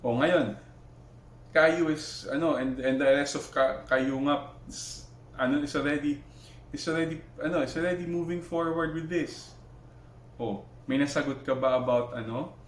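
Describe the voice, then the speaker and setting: A man's voice: on the high side, fairly even intonation, measured pace, roomy sound, a little hiss or hum. A man with a Filipino accent giving heated reaction commentary, switching between Tagalog and English, firing rhetorical questions and restarting his sentences. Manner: argumentative, Taglish, rhetorical questions, many restarts. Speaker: vlogger reacting to another creator.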